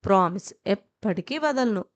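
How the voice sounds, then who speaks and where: A woman voicing a cheerful, spirited young woman college student who talks in a lively, teasing way. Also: medium pitch, normal speed, lightly acted.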